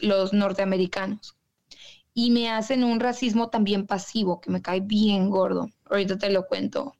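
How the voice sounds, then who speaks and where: A woman's voice: mid-range voice, a little mellow, highs cut off. A woman from Monterrey with a northern Mexican accent, telling her stories as a guest in a casual, slangy way. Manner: chatty, slangy, quotes people in her stories. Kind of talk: casual storytelling in an interview.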